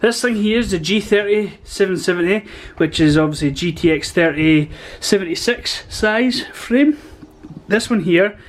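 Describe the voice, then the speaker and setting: A man filming a casual unboxing vlog, excitable and gushing, laughing often and exclaiming as he goes. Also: high voice, normal speed. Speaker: car enthusiast vlogger.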